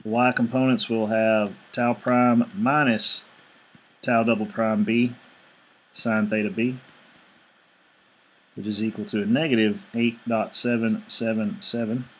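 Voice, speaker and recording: A man's voice: lowish voice, level tone, measured pace, long pauses, slightly rough. A male engineering instructor giving a screencast lecture, explaining each step evenly and reading out numbers as he works.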